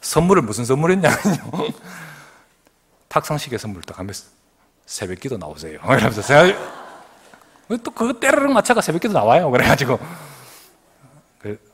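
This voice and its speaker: A man's voice: mid-range voice, normal speed, pauses often, husky. A middle-aged man preaching a sermon as pastor, telling stories with laughter and acting out the voices of others. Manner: animated storytelling with laughter, acts out quoted voices. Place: church sanctuary.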